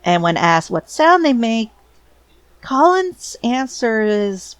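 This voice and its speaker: Woman narrator, lively and animated intonation, enthusiastic fan commentary, dry close voice-over. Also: fairly high pitch, slow pace, clean tone, no room sound. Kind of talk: scripted narration.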